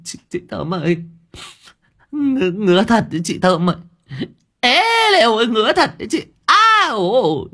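A man's voice: sits high, big pitch swings, moderate pace, bright, forceful tone, pitched above the performer's own voice, full character voice. A man voicing a silly, cowardly young man who whines and stammers in a storybook. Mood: whiny. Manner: whining, stammering.

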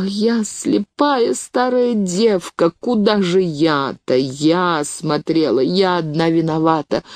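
Woman doing an older spinster aunt: remorseful, grave, unhurried, soft dark tone. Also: mid-range voice, no echo, studio quality, close to an everyday voice. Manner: anguished, self-reproaching, then grave and soothing.

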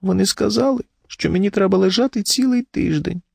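A man's voice: high-pitched, fairly quick, vocal fry, darkish tone, husky, no room sound, studio quality, pitched above the performer's own voice, heavily acted. A man voicing a whiny middle-aged wife who plays sick, with a weak, plaintive voice. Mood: feeble whining. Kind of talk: audiobook character voice.

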